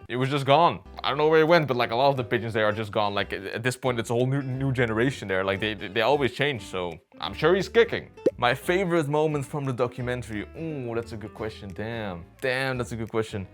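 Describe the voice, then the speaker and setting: A young man in his twenties, originally from Bolivia, talks loosely and off the cuff from his bedroom. His speech is slangy, full of "like" fillers and casual swearing, and faint music hums underneath. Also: medium pitch. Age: 20s. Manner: laid-back slangy chat with frequent "like" fillers and swearing. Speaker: filmmaker answering viewer questions. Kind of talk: casual unscripted Q&A.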